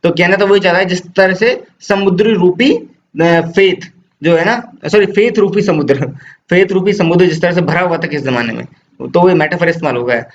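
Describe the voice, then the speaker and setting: A man teaching English literature, explaining poetic devices patiently, repeating points, asking rhetorical questions and reading poem lines slowly. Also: high voice. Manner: reads poem lines slowly, mixes English terms into his talk. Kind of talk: classroom lecture. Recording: dull lo-fi sound with faint noise.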